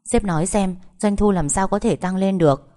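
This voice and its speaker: A woman's voice: mid-range voice, normal speed, dark tone, natural voice. A woman voicing a displeased female restaurant employee complaining to her boss in a spoken story. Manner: complaining, worried. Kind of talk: audiobook storytelling.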